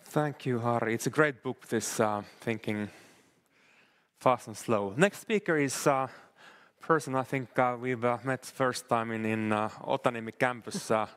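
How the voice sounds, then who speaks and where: A man's voice: medium pitch, a little slow, a bit bright, smooth. A man hosting an event who introduces the next speaker hesitantly, with many fillers. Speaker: event host. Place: event hall.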